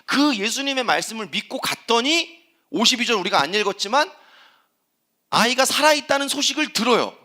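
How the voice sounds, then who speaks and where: A man's voice: very high-pitched, very animated, a little fast, pushed and bright. A middle-aged male pastor preaching a sermon in a church. He asks the congregation questions and acts out the prayers he quotes. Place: church sanctuary.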